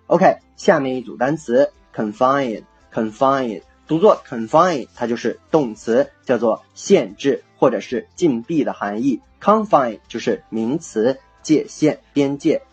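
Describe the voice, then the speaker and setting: A man's voice: medium pitch, slightly rough, dull audio. A male English vocabulary teacher hosting a casual radio-style lesson, chatty and jokey, spelling words out letter by letter, with Chinese as his first language.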